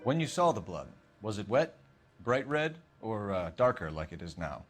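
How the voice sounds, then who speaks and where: An actor playing a composed, methodical 1940s American detective in a crime drama game, speaking in a formal, probing, clipped manner. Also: male voice, on the low side, sing-song, moderate pace, soft background music. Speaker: police detective in a video game. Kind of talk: acted crime drama dialogue.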